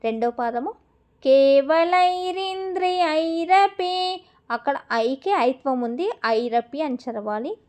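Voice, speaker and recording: A woman teaching how to recite Sanskrit verses, chanting each line slowly and then quickly explaining the pronunciation. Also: on the high side, lively intonation.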